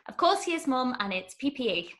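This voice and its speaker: A woman's voice: sits high, sing-song, fairly quick, a bit bright, reverberant. A young woman playing a wry, guilt-ridden bride-to-be in a comedy short, on a video call. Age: young adult. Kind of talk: comedy short film acting.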